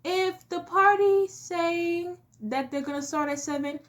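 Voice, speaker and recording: Slow-talking young woman vlogger. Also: very high-pitched. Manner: emphatic, addresses viewers directly. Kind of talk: casual comedic vlog.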